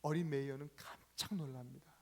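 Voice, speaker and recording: A male pastor preaching a sermon, telling stories emphatically with sharp swings in loudness. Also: medium pitch, steady tone, fairly quick, gravelly.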